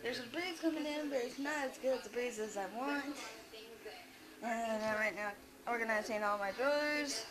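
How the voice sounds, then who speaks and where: A woman's voice: a little high, moderate pace, crowd noise, poor audio. Breathless, foul-mouthed woman vlogger. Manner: blunt, swears freely, vents with exasperation. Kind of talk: casual vlog chat. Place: hot apartment room with open windows. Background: construction noise and outdoor ambience.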